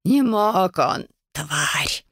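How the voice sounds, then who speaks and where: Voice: mid-range voice, expressive, drawn-out words, fairly bright tone, dry recording, clean studio sound, heavily acted. An audiobook narrator voicing a beaten, spiteful male villain who wheezes and hisses. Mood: gasping. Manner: hoarse wheezing hiss.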